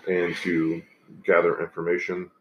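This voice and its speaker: A man's voice: sits low, monotone, a little slow, muffled recording, a little hiss or hum. A man playing a tabletop game, casually and hesitantly talking through his plans.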